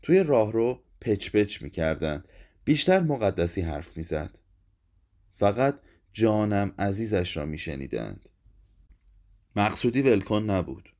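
Man reading a literary story aloud. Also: lowish voice. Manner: measured, even literary reading. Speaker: audiobook narrator. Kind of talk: scripted narration.

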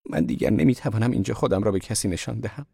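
A man's voice: lowish voice, creaky, mellow, slightly rough, no room sound, clean studio sound, pitched above the performer's own voice. A man voicing a devout, anxious young woman, speaking in a pleading, emotional way in a storybook reading. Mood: tearful.

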